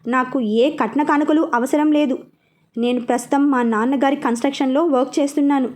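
A woman's voice: high-pitched, fairly even intonation, fairly quick, a little mellow, close to an everyday voice. A woman voicing an indignant young man in a storybook reading, insisting on his choice. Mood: defiant. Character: defiant young man in love.

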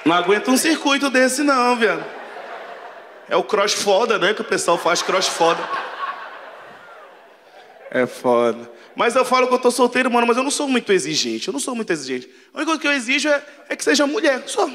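A man's voice: extremely high pitch, big pitch swings, a little fast, fairly bright tone, a little hiss or hum. A man from Pará doing a crude, brash stand-up comedy set on a large theater stage, acting out the voices of people in his stories. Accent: Pará Brazilian Portuguese. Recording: live theater hall with crowd laughter.

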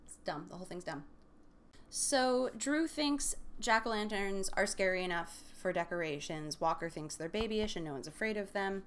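A woman hosting a comedy show, reading a children's book aloud and recapping it with exasperated, deadpan jokes. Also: mid-range voice, moderate pace. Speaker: comedy podcast host. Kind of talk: sarcastic recap and read-aloud of a kids' book.

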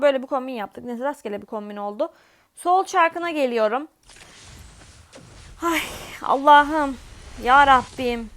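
A young woman with a Turkish accent giving casual commentary on a mobile game, dramatic, pleading and exclaiming as she spends in-game currency. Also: fairly high pitch. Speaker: gaming YouTuber.

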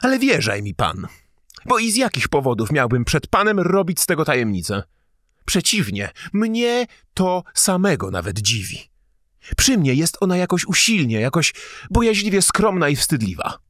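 An excitable young idealist, as a male audiobook reader puts him on, preaching his ideas in a shrill, fervent voice. His pitch sits high and leaps about wildly as he protests. The recording is close and dry, with no room sound. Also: normal speed, dry recording. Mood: protesting. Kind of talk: audiobook character reading.

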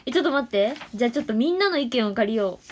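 Bright-voiced young idol woman, chatty. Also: on the high side, lively intonation, rapid-fire, a little hiss or hum. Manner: chatty, playful, drops into soft murmurs and whispered thanks. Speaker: idol livestreamer. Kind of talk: casual solo livestream chat.

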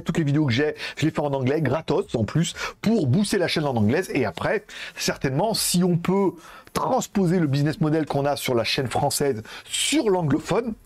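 Tech vlogger, male, loose casual chatter with crude slang, animated pitch. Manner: rambling, laughs often, crude slang. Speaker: tech youtuber. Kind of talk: casual chat. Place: Thailand.

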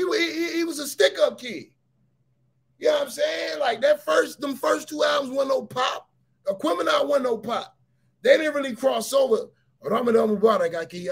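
A livestream host with a very high, gravelly, husky voice talks emphatically to his viewers in a casual stream. Animated and forceful, he repeats phrases and often shouts his points.

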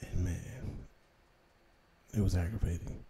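A man's voice: deep voice, steady tone, slow, noisy background. A man in his thirties giving a casual, slangy, joking voice-over as a vlogger on his food challenge.

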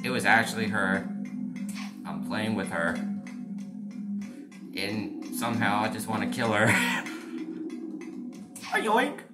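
A gamer giving excitable let's-play commentary, laughing and shouting taunts. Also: medium pitch, slow pace, pauses often, over music. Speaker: gamer playing a horror game.

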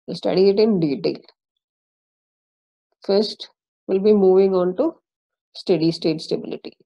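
Indian english lady teaching engineering, gravelly mellow voice, lots of uh and repeats. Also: mid-range voice, rough recording. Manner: explains slowly with many fillers and repeats. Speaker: lecturer. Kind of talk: recorded engineering lecture.

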